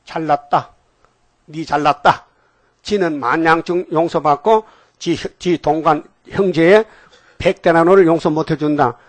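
A man's voice: on the high side, measured pace, no room sound. A male pastor preaching a sermon, scolding his congregation with rhetorical questions and calling on them to repeat after him.

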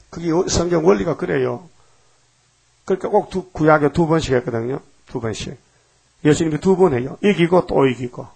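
A man's voice: on the high side, vocal fry, darkish tone, husky. A man preaching a sermon in a folksy, emphatic way, often putting rhetorical questions to the congregation.

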